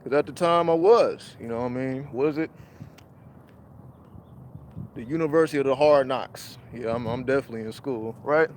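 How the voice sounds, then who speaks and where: A man's voice: medium pitch, normal speed, pauses often, slight background noise. A man telling a rambling, profane street story in a casual livestream monologue. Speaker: livestream host.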